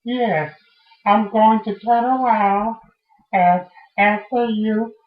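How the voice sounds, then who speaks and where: A man playing a sassy, scolding woman on a blind date who fills her talk with oh's, in a slow, dull, roomy recording. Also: high voice, steady tone, far from the mic. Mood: flirty. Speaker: comedian. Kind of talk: one-man comedy sketch.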